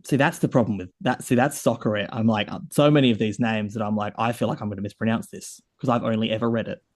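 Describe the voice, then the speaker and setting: A man's voice: fairly low pitch, fairly even intonation, fast talker, darkish tone. A man hosting a casual podcast chat, rambling with lots of fillers. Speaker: podcast host.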